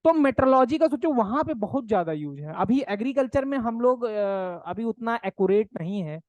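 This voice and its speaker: A woman's voice: a little high, expressive, moderate pace, dry recording, lo-fi sound. A woman teaching an agriculture exam class, lecturing conversationally and checking in with her students after almost every phrase. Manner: asks rhetorical questions and ends phrases with "है ना?" and "ठीक है?"; plain conversational teaching, mixing English terms into Hindi.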